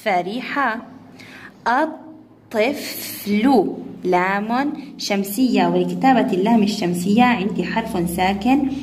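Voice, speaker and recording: A woman teaching young children to read, sounding words out slowly syllable by syllable. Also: mid-range voice, a little mellow, a little hiss or hum. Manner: slow, drawn-out syllable-by-syllable reading. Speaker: first-grade Arabic teacher. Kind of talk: online class lesson.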